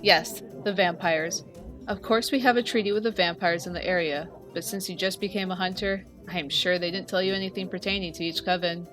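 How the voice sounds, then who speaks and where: In a scripted fantasy audio roleplay addressed to the listener, a woman plays a seasoned, friendly vampire hunter mentoring a newcomer, calmly explaining things with conversational, playful teasing. Her lowish, slightly bright voice stays fairly even in intonation, runs a little fast, and sounds close to everyday speech. Soft music plays in the background.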